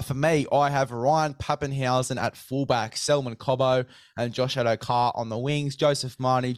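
Male sports podcast host, matey and slangy, clean smooth tone, close dry sound. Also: medium pitch, no echo. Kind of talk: casual sports chat.

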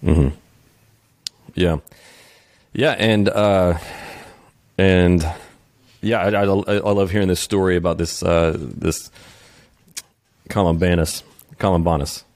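A man hosting an interview, speaking haltingly with lots of restarts and fillers. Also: deep voice, steady tone, darkish tone, no room sound. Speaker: podcast host. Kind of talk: interview, casual chat.

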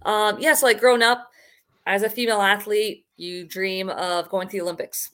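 A woman's voice: mid-range voice, fairly even intonation, normal speed, fairly bright tone. A young woman from Canada, a podcast guest, answering casually over a video call with lots of "um" and "like". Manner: loose, many fillers like "um" and "like". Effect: remote guest audio over a video call connection.

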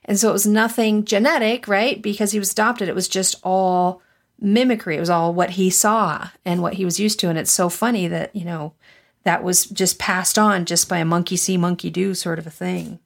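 A woman's voice: fairly low pitch, steady tone, creaky. A middle-aged woman hosting a podcast, chatting casually and reacting readily to her guest. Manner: chatty, responsive, quick to react. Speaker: podcast host.

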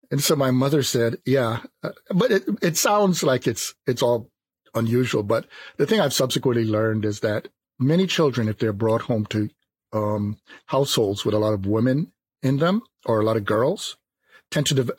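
A man in his fifties, from Jamaica, speaking as a philosopher in a thoughtful, measured interview. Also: mid-range voice, husky, no room sound. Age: 50s. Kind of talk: reflective interview talk.

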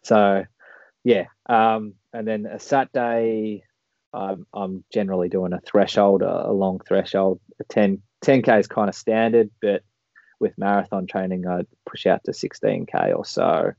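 A very deep-voiced man chats casually in a rambling, laid-back way. His tone is gravelly and fairly flat. The audio is a dull, lo-fi call. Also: measured pace, dry recording. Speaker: podcast guest, marathon runner. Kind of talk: casual interview chat.

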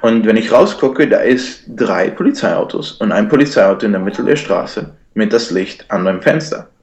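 A man's voice: lowish voice, animated, normal speed. A man telling a personal story in German, sprinkling in English words and restarting his sentences often. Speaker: guest. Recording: echoey room.

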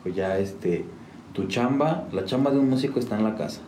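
A man's voice: medium pitch, fairly quick, darkish tone. A man, a musician telling stories casually, rambling with many restarts and fillers. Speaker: musician guest. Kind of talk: casual storytelling. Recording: echoey room with faint noise.

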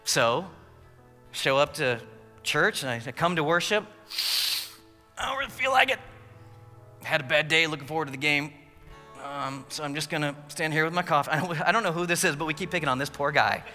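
An American man preaching a sermon with emphatic, repeated phrases, dramatic pauses and a colloquial, humorous touch. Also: a little high, pushed and bright. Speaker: pastor preaching. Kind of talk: animated sermon with acted-out asides. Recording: long hall reverb, music underneath.

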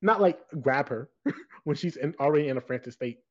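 A podcast co-host giving animated, giggly opinions in casual chat. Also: mid-range voice, fairly quick. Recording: dull lo-fi podcast audio.

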